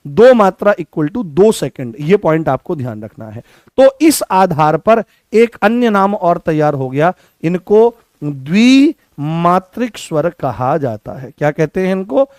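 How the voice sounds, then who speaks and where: A man with a high, lively voice teaching an exam-prep class and drilling each point over and over. He keeps firing questions at his students and calls them by a fond nickname. The recording is dry and close. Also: no room sound. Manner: addresses students affectionately as "babu"; stretches vowel sounds slowly to demonstrate. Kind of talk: exam coaching lesson.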